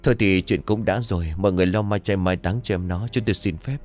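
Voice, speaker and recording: A man voicing a calm village police chief delivering results in a measured, official tone. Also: deep voice, faint music behind, natural voice. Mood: matter-of-fact.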